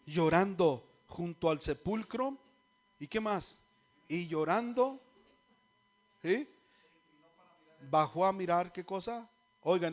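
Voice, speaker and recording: A male preacher giving a sermon, often asking the congregation questions and letting them finish his lines, then building up to louder, more urgent appeals. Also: sits high. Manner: call-and-response questions to the congregation; grows louder and more urgent toward the end. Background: faint music.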